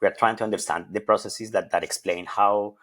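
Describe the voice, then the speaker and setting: Speaking fairly quickly in a fairly low, steady, slightly bright voice, a middle-aged Colombian man who is an associate professor of plant evolution answers interview questions. He's thoughtful but often hesitates and repeats himself.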